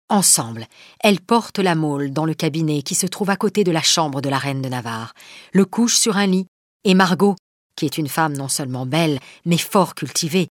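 Woman narrator, storybook, expressive, husky, dry and close. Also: sits low, no echo. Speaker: audiobook narrator.

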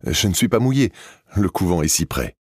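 A man's voice: low-pitched, animated, moderate pace, slightly rough, dry recording, clean studio sound, pitched above the performer's own voice. A man voicing a sweet elderly deaf lady. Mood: gentle. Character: elderly deaf noblewoman, gentle and modest.

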